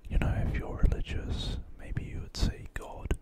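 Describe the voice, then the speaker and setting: A man in his 20s, an ASMR creator, whispers a reassuring pep talk right against a large studio microphone on his desk in a small, quiet bedroom. His voice is pure breath with no tone, and he rambles gently at a moderate pace, like someone sharing ASMR affirmations.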